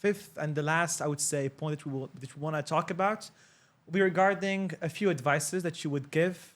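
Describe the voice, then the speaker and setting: A man hosting a casual interview, friendly and quick with short affirmations and laughs. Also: a little high.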